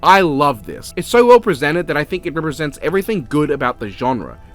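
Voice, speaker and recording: This Australian video reviewer gives casual, opinionated commentary full of swearing, in a brisk, sing-song delivery. His slightly high pitch swings around animatedly while soft music plays beneath the narration.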